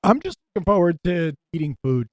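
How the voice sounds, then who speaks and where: A man's voice: a little high, very animated, fairly quick, no echo. A man co-hosting a casual podcast, rambling and hesitant, full of fillers. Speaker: podcast co-host. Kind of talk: casual chat.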